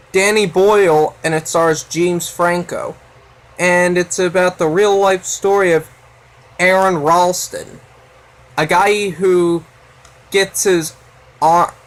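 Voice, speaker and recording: A man's voice: high-pitched, fairly bright tone, rough recording. A man hosting a casual video, rambling with many fillers. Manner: rambling, full of "so yeah" and fillers. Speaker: video host. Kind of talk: casual chat.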